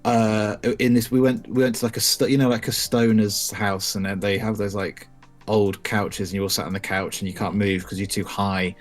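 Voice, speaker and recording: A man's voice: fairly low pitch, little pitch movement, moderate pace, soft background music. A young man from the UK, a podcast co-host, telling rambling, profane anecdotes in casual chat, with many restarts.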